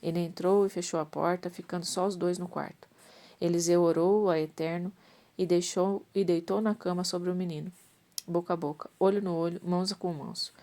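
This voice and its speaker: A woman reads a Bible story aloud in a low, mellow voice. She trips over words now and then and corrects herself, keeping a steady, unpolished read-aloud delivery. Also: normal speed. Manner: reads with restarts and self-corrections. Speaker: Bible reader.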